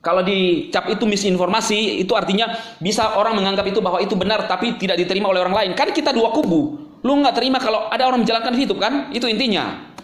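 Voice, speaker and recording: High-voiced man ranting in an echoey room. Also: fast, a bit bright. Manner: scolding, sarcastic, confrontational. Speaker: YouTube channel host. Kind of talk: angry ranting monologue to camera.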